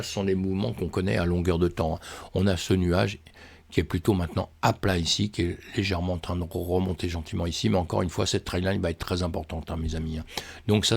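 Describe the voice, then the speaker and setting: A man's voice: low voice, creaky. A man hosting a trading channel, casually walking viewers through charts and thinking aloud with lots of fillers and friendly asides. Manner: tosses in "hein" and "mes amis", thinks aloud with many fillers. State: voice cracking, coughing. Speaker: crypto trading channel host. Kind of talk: casual chart analysis walkthrough.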